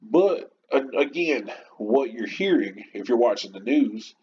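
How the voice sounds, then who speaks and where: A man hosts a podcast, launching into an unscripted, informal rant that is passionate and rambling. His mid-range voice is expressive and dark in tone, moving at a measured pace. The lo-fi audio sounds dull, with clear background noise.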